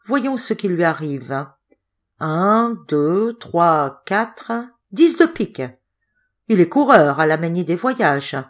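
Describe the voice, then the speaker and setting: A woman reading an audiobook, voicing a solemn female fortune-teller who speaks gravely and counts out cards slowly. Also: on the low side, big pitch swings, heavily acted.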